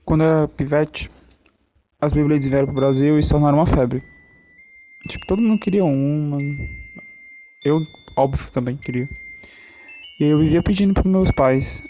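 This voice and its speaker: An actor playing a male pop star with a Brazilian accent, telling a childhood memory in halting, reflective speech on a podcast in an animated film. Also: a little high, close to an everyday voice. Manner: reflective, halting storytelling with many fillers. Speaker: podcast guest. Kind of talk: animated-film interview acting. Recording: slightly muffled, soft music behind.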